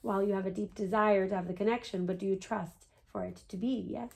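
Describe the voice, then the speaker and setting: A woman's voice: medium pitch, fairly even intonation, fast, creaky, a little mellow, lightly acted. A woman as a seance medium voicing a patient, knowing spirit guide, with formal stilted phrasing and frequent questioning tags. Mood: gently probing. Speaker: trance channeler answering a client's questions. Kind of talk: seance medium channeling session.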